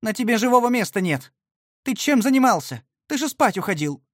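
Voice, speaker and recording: A man voicing a kind, middle-aged aunt who gasps and scolds softly, in an audiobook. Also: fairly high pitch, big pitch swings, brisk, dry recording, clean studio sound, pitched above the performer's own voice. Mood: alarmed. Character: kind fussing aunt, middle-aged woman, soft-spoken.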